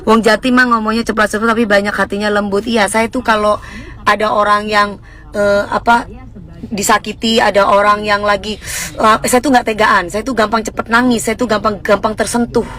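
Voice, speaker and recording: A woman's voice: medium pitch, level tone, a bit bright. A woman in her thirties with an East Javanese accent, chatting casually and emphatically with viewers on a livestream. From East Java, Indonesia. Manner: emphatic, fiery and fast, self-described as fervent. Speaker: livestream host answering viewers.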